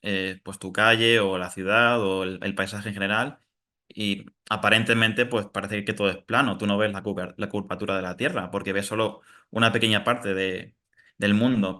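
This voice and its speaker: A man from south of Madrid gives an informal technical webinar, explaining ideas through everyday analogies and often checking in with "¿no?". His voice is lowish with a sharp tone.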